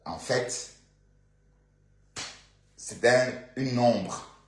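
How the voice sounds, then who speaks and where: A man's voice: mid-range voice, very slow, reverberant, slight background noise. A man from Bandundu with a Congolese French accent, rambling through casual live-stream gossip, full of fillers and asides to his viewers.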